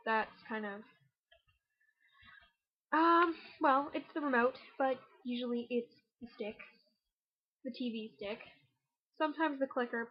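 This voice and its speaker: A young Canadian woman with a Canadian accent talks casually through an accent challenge, chatty and self-mocking, rushing through her words. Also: a little high, highs cut off. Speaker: vlogger.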